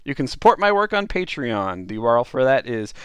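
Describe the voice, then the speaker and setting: Male narrator, storybook dub, playful, lively pitch, dry close sound. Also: brisk, clean tone, no room sound. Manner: playful, chuckling asides. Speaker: narrator and host.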